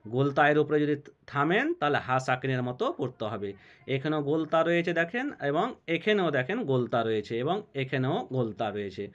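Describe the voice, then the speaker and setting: A man teaching Quran recitation rules step by step, spelling out letters, then chanting verses slowly and melodically, and answering his own questions. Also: fairly high pitch, expressive, lo-fi sound. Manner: asks questions and answers them himself, slow drawn-out melodic recitation.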